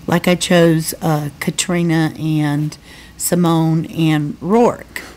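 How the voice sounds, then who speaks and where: A woman's voice: low voice, level tone, takes it slowly, a little mellow. Bantering woman podcast co-host. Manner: playful, bantering, rambling explanations. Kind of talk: casual recap chat.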